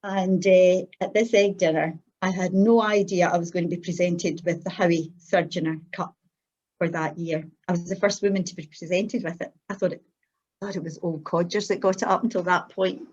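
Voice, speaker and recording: A woman's voice: lowish voice, steady tone, moderate pace, a little mellow. Scottish woman telling her story, slightly muffled recording. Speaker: interview guest telling a personal testimony. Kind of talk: unscripted personal storytelling.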